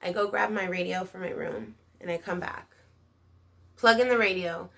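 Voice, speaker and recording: Bright-voiced woman telling a casual storytime. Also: on the low side, moderate pace, gravelly. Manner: chatty and animated, slangy, addressing viewers directly. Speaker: video channel host. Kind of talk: casual first-person storytime vlog.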